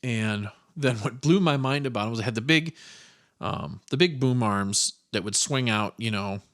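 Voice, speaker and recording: A man's voice: mid-range voice, normal speed, fairly bright tone. A man from Iowa hosting his own podcast, telling a childhood story in a rambling, profane, self-mocking way. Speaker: podcast host. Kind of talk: casual storytelling monologue.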